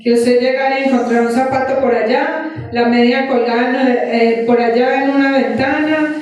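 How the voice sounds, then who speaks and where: High-voiced woman preaching in an echoing church. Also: normal speed. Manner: animated, exhorting, asking the congregation questions. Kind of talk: sermon. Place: church hall. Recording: echoey church from far off.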